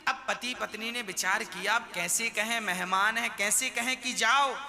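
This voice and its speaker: A man's voice: high-pitched, moderate pace, pushed and bright. A man preaching a devotional sermon, telling folksy stories and chanting verses. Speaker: Bhagavat katha preacher. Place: large live religious gathering. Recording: reverberant live hall with music.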